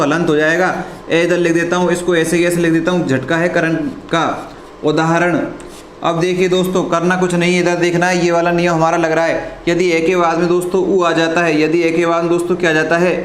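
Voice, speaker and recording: A man teaching a live online grammar lesson, asking questions and answering them himself, calling his students "friends" and clearing his throat often. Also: fairly high pitch. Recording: echoey room with faint noise.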